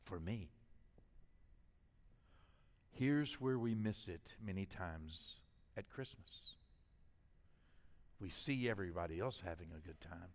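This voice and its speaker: An older man preaching a sermon as pastor, swinging between loud build-ups and hushed asides. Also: sits low, animated, slow, long pauses, in a large hall.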